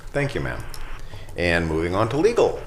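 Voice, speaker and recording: A man chairs a county board meeting, moving briskly through agenda items with an easy humor. His pitch sits on the low side but moves a lot. A faint hiss of room noise sits behind him. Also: wildly swooping pitch. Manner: brisk, procedural, lightly jokey. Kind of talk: formal meeting procedure.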